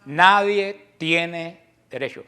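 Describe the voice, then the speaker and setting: A Cuban man with a somewhat high-pitched voice teaches an apologetics class in a Cuban accent. He speaks emphatically, lets key phrases fade off quietly, and acts out quoted exchanges as he tells stories. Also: smooth. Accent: Cuban Spanish. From Cuba. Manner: emphatic, slows down and trails off softly at the end of key phrases. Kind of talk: lecture to a class.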